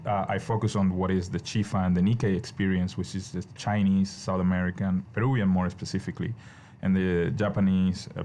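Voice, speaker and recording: A man from Venezuela speaks as a chef in an interview, his voice sitting very low. He explains things in a relaxed, searching way, full of little restarts. A faint hum of noise lies behind him. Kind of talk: casual interview.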